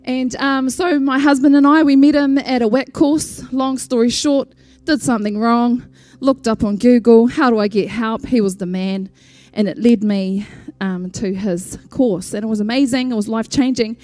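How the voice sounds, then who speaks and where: A woman's voice: fairly high pitch, fairly even intonation, normal speed, few pauses, a little mellow, dry recording. A woman with a Māori New Zealand English accent gives an informal, heartfelt tribute at church, hesitating and mixing Māori words into her English. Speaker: church member introducing an honoured elder. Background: music behind the voice.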